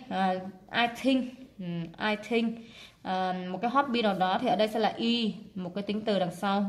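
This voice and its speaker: A woman with a Vietnamese accent, an English teacher, explains exam answers in a relaxed way, using many filler sounds. Her voice is on the high side.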